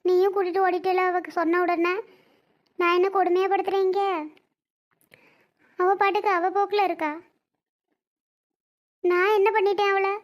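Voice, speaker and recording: Woman playing a shrill, hurt sister-in-law. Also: little pitch movement, normal speed, pauses often, dull audio. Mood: hurt pleading. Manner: pleading, repetitive complaining questions. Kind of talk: family drama skit acting.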